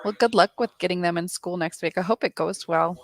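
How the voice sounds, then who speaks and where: A woman's voice: lowish voice, a little fast. Chatty young woman on a video call. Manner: chatty, laughs often, trails off mid-sentence. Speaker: host of reading sprints. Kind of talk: casual chat.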